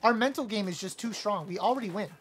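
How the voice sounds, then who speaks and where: A woman streaming a live game, trash-talking playfully, apologizing to teammates and suddenly yelling when a play goes wrong. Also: mid-range voice, fast, a little hiss or hum. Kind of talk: live gameplay commentary.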